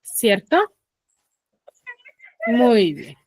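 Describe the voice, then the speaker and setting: Extremely slow and lively in intonation, a woman's slightly high, darkish voice comes through a computer mic on a video call with no room sound. She teaches an online class in a Peruvian Spanish accent, stepping students through questions.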